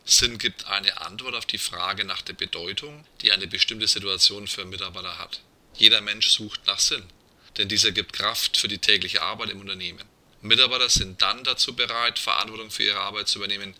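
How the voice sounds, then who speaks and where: Man with a bright, lowish voice. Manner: measured, explanatory delivery. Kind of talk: scripted narration.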